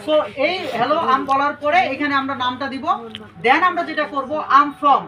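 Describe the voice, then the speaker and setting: A woman teaching English to a class, drilling phrases slowly, correcting pronunciation and quizzing her students. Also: high voice, bright, forceful tone, far from the mic, rough recording. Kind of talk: classroom lesson.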